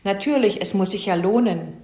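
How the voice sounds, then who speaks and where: A woman's voice: medium pitch, darkish tone, natural voice. Snuffling friendly mother hedgehog, a woman voicing her. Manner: friendly and brisk, snuffling "nuff nuff". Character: kind, bustling mother hedgehog cook. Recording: roomy echo.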